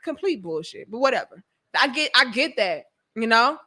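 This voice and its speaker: A woman's voice: a little high, sing-song, moderate pace, bright, forceful tone. A young woman with a St. Louis accent talking informally and bluntly to livestream viewers, emphatic and repetitive, with casual swearing. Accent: St. Louis, Missouri. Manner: blunt, emphatic, repeats phrases, swears freely. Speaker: livestream host giving relationship commentary.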